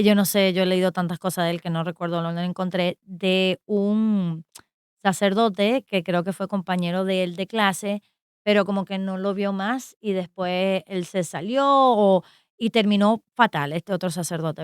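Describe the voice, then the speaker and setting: A woman co-hosting a casual radio talk, telling stories with lively animation and many fillers. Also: medium pitch, moderate pace, clean tone, dry recording, clean studio sound. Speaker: co-host. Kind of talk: casual radio chat about a saint's life. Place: radio studio.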